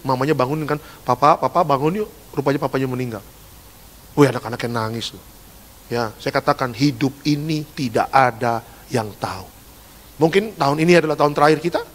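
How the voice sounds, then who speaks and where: A man preaching a lively, joking sermon, swinging between hushed asides and loud exhortation. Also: mid-range voice. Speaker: pastor. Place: large church hall. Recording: reverberant church hall.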